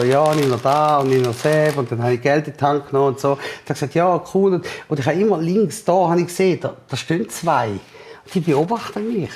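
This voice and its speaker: A young man speaks with a Swiss German accent in a middle register as he tells a story in an interview. He is lively and quick to act out what others said to him. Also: medium pitch. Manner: lively, acts out the other people's lines in quoted dialogue. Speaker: entrepreneur interviewee.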